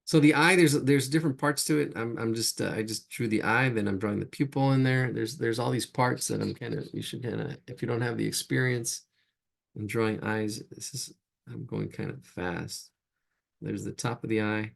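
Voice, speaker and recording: Gravelly man teaching a drawing class. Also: medium pitch, normal speed. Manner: chatty, laughs at own jokes, drifts while drawing. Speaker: drawing instructor. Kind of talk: live online drawing class.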